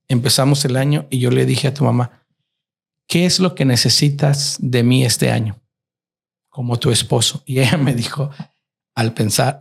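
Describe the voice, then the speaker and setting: Middle-aged father, gravelly reflective storyteller, candid chat. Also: medium pitch. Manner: reflective storytelling, mixes in English words. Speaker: father and husband, guest. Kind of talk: casual family conversation.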